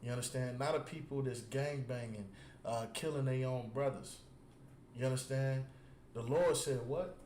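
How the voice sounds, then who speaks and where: At normal speed and in a mid-range, darkish voice, a male religious teacher preaches to a group on the street, inviting their responses. He emphatically repeats words as a point builds, then nearly always asks "You understand?" Echo and faint background noise fill the recording.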